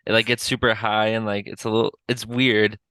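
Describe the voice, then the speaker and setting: A man co-hosting a podcast, telling animated stories, mimicking friends and laughing. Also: lowish voice, fairly quick, smooth, dry recording. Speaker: podcast co-host. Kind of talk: casual chat.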